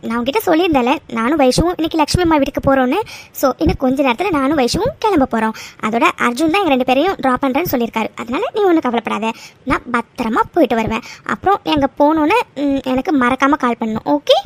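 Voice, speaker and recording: A woman's voice: high voice, animated, quick pace. A woman voicing a cheerful, affectionate young married woman in a cartoon. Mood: tender. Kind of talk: Tamil cartoon voice acting.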